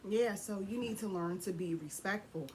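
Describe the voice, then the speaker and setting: A woman co-hosting a casual couple's chat, hoarse from losing her voice, talking freely and clearing her throat. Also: medium pitch, normal speed, slight background noise. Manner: chatty, laughs often, clears throat. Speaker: co-host of a couple's channel.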